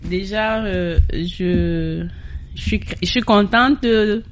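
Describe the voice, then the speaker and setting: A woman guest on the radio teaches her language, speaking slowly. She says each phrase and then explains its meaning. Her voice has a dull, lo-fi sound. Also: mid-range voice, slight background noise. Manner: slow, spells out each phrase and gives its meaning.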